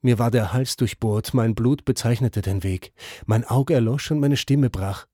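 Brief: a mournful warrior's soul, read by a man, mellow, dry, even pitch. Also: normal speed, no echo, lightly acted. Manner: mournful, grave. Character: bowed soul of a fallen warrior.

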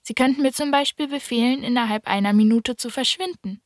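A woman's voice: fairly high pitch, fairly quick, no room sound, clean studio sound, voice pushed up, lightly acted. A woman voicing an earnest, curious little prince. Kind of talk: audiobook character voice.

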